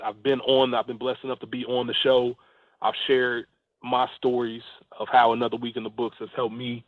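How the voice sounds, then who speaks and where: A man leaves a heartfelt voice note as a guest, offering an earnest, appreciative thank-you. His voice is medium-pitched, and the audio has phone-like quality with no echo.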